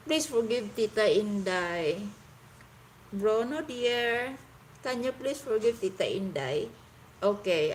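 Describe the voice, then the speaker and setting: A woman from the Philippines, Cebuano being her first language, chats casually with her live stream audience in Visayan-accented English, frequently pausing to search for words. Her pitch is medium, and the low-quality phone audio has slight background noise.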